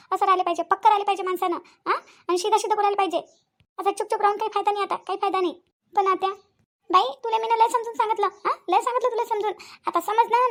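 A voice actor doing a preachy Vidarbha village aunt. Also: very high-pitched. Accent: Vidarbha Marathi. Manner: preachy, repeats points, fast. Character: older village aunt giving firm advice. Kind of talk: cartoon voice acting.

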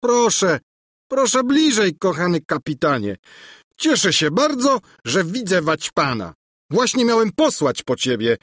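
A man's voice: sits high, very animated, unhurried, a bit bright, no room sound, clean studio sound, voice pushed up, heavily acted. A man voicing a pompous, boastful young prince.

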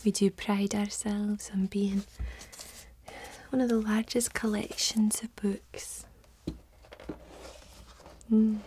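A young woman with a Scottish accent in a whispered role-play as a helpful librarian, speaking in a soft, breathy library whisper. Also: mid-range voice, a little hiss or hum. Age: young adult. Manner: slow, hushed, gently helpful. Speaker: ASMR performer playing a librarian.

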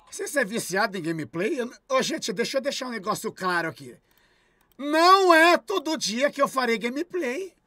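Man streamer, irritated and sarcastic, swings his pitch widely, dry close sound. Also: fairly bright tone, no echo. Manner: irritated, sarcastic ranting with heavy swearing. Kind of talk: casual live-stream chat.

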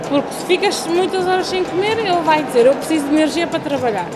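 A woman's voice: very high-pitched, fast, over a noisy crowd, very noisy. A woman doctor from São Tomé and Príncipe explaining diet and health in a direct, instructive way, in an indoor sports hall. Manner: direct, explanatory, addresses the listener. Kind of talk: giving health advice.

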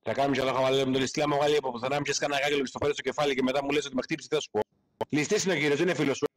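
A man plays a police officer in a game roleplay. He talks sternly and bossily, lecturing at a mid pitch. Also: steady tone, rough recording.

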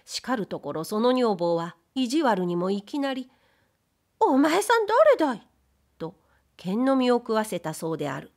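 A woman narrating a period story in a measured storytelling manner. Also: mid-range voice, animated, a little mellow. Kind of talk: audiobook reading of period fiction.

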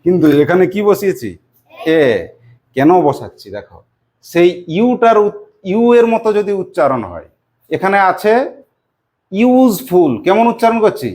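This classroom English lesson for young pupils is led by a woman with a West Bengal Bengali accent and a low-leaning, darkish voice with wide pitch swings. At a moderate pace she drills them call-and-response style, patiently repeating questions until they answer.

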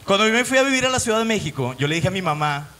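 A man's voice: sits high, expressive, rapid-fire, bright, forceful tone. A young man from Monterrey with a northern Mexican accent, performing a profane, story-driven stand-up comedy set. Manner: profane, storytelling, acts out voices.

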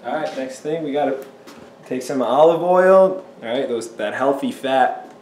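Cooking at home, a young man who works as a personal trainer talks a little slowly in a medium-pitched, slightly mellow voice, upbeat and full of hype and frequent "you know"s. The mic sits at a distance, catching kitchen echo and faint noise.

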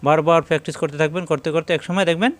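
A man's voice: a little high, fairly even intonation, dry recording. A man teaching Quran pronunciation, drilling the sounds of letters over and over in a firm, instructive way. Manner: repeats syllables in quick drills, firm instructive tone.

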